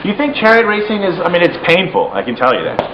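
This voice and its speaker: A man's voice: high-pitched, huge pitch swings, quick pace, background noise. A man presenting a documentary, chatting informally and thinking aloud on location. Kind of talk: casual on-location conversation. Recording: dull location sound with music. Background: music.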